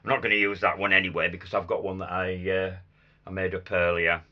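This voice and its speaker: A man with a croaky, hoarse voice giving a casual hands-on craft demonstration, muttering small asides to himself as he works. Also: deep voice, flat delivery, quick pace, muffled recording. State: hoarse after a chest infection. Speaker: craft tutor demonstrating sugar flowers.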